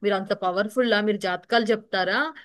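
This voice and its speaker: A woman's voice: medium pitch, a little fast, a bit bright, no echo, studio quality, close to an everyday voice. A woman voicing a foolish, eager young male disciple who talks politely and pleadingly in a told folk tale. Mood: naive, eager.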